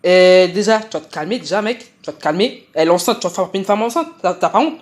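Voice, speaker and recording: Woman playing her husband telling a guy off, firm and a bit loud. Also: on the low side, animated, fast talker, natural voice. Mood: stern. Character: protective husband, firm young man.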